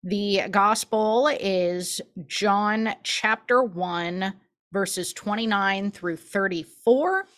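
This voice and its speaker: A woman's voice: mid-range voice, extremely slow, a bit bright. A woman co-hosting in a casual, conversational style and announcing scripture readings. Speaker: co-host.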